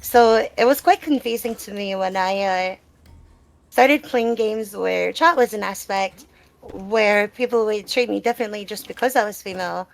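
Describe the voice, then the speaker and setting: A woman gamer being interviewed answers questions in a casual live Q&A, talking about personal matters in a reflective, explanatory, conversational way. Her mid-range voice is creaky and moves at a normal speed, and the recording is rough.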